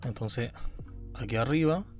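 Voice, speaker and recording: A man gives a university calculus lesson. He speaks at a middling pitch and walks through each step aloud. Faint music plays somewhere behind him. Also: a little slow. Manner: explanatory, often checks in with students. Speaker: university math lecturer. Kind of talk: live calculus lecture.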